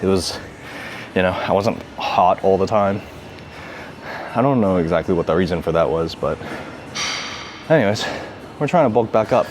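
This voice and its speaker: A man's voice: low-pitched, lively intonation, moderate pace, long pauses. A man chatting casually to the camera between workout sets in a gym, rambling and laid-back, often saying "dude.". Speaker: vlogger. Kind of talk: casual workout vlog chat. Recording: noisy gym ambience.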